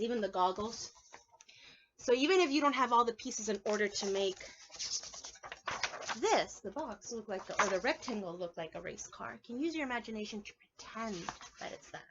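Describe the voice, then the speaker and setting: Reading a storybook to little kids, a woman who teaches preschool keeps things lively and instructive, frequently posing questions to them. She speaks at a medium pitch. The recording is muffled, with a noisy background.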